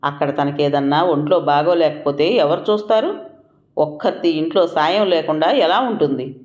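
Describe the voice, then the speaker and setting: A man's voice: a little high, normal speed, a little mellow, close to an everyday voice. A storyteller voicing a troubled middle-aged father who speaks earnestly and reproachfully to his son. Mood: sad. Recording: roomy echoing room.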